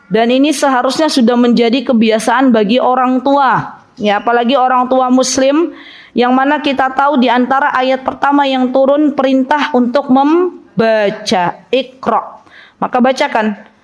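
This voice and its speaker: A woman's voice: high-pitched, moderate pace, lo-fi sound. A woman preacher giving a sermon to a women's study group, acting out parents and children in her stories. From Indonesia. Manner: lively, acts out parents and children in quoted lines. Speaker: Islamic preacher.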